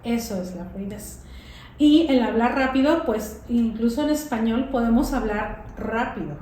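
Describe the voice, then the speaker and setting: A woman, a guest English teacher, explaining with examples in a casual interview and pausing to find her words. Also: on the high side, mellow. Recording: very echoey room with faint noise.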